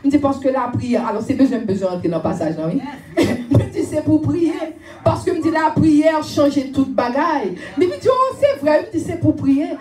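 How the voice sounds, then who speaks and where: A woman preaching a sermon and telling a personal testimony, animated and often raising her voice with laughter. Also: high-pitched, moderate pace, echoey room, far from the mic, soft background music. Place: church.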